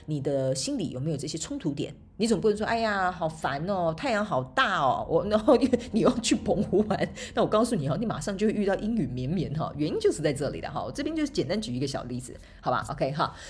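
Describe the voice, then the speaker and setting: Woman podcast host, husky low voice, lively pitch, fast chatty storytelling with frequent laughs. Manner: chatty storytelling, laughs often, tag particles. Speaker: podcast host and motivational speaker. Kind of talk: casual solo podcast talk.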